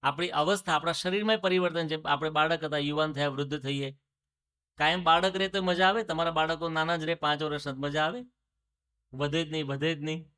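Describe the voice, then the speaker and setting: A man's voice: on the high side, fairly even intonation, fairly quick, bright, forceful tone. A man with a Gujarati accent, giving a spiritual discourse to devotees. He tells stories, asks rhetorical questions, and drops English phrases into his talk. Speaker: religious speaker.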